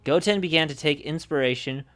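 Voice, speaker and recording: His voice is a little high, a bit bright and slightly fast as this man streams live as a game master. He reads story summaries and chats, often repeating and correcting himself, while music plays underneath.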